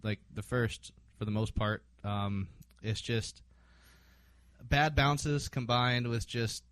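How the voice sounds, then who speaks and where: A man's voice: medium pitch, slow, fairly bright tone, a little hiss or hum. A man hosting a casual sports podcast, recapping games with frequent ums and hesitations. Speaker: podcast host.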